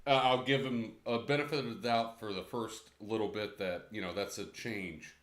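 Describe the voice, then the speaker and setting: A man's voice: fairly low pitch, steady tone, normal speed. Blunt profane sports-talk man, roomy sound. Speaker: podcast co-host. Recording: echoey room.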